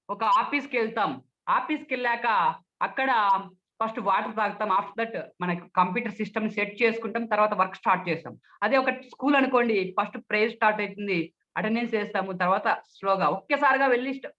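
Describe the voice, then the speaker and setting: ఒక పురుషుడు ఉపన్యాస నైపుణ్యాల పాఠం చెబుతూ, ప్రతి భావాన్ని స్వరం, వేగం మార్చి చూపిస్తున్నాడు. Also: male voice, sits high, fairly quick, sharp tone. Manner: shifts tone and pace to demonstrate each emotion. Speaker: public speaking trainer. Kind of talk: demonstration lecture with acted examples. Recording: dull lo-fi recording.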